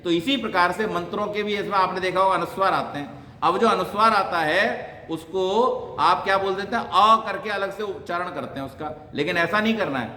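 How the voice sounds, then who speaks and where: A man's voice: sits high, brisk, pushed and bright, a little hiss or hum. A man, a pandit teaching Sanskrit pronunciation, who asks questions and answers them himself. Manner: explains by asking and answering his own questions, demonstrates sounds. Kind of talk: religious teaching talk. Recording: echoey hall with long reverb.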